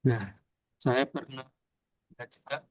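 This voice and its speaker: A man's voice: mid-range voice, slow pace. Male student, polite and hesitant, asking in class.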